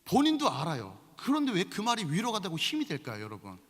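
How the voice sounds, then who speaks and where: A man in his forties preaching a sermon as pastor, conversational and animated, often calling out to the congregation. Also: sits high, fast, slightly rough. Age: 40s. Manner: lively, conversational preaching with frequent appeals to the congregation. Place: large church sanctuary. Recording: long reverb of a large hall.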